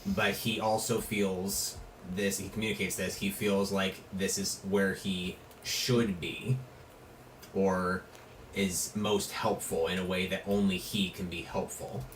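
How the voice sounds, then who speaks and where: A man's voice: deep voice, level tone, takes it slowly. A man casually narrating a tabletop fantasy game as game master. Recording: echoey room, distant mic, faint noise.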